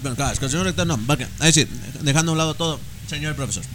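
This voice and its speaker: A man's voice: on the high side, racing, a little hiss or hum. A young man with an Ecuadorian accent, co-hosting a casual podcast chat and animatedly telling school stories, sometimes singing bits of old chants. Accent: Ecuadorian Spanish. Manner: animated storyteller, sings snippets of school chants. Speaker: podcast co-host.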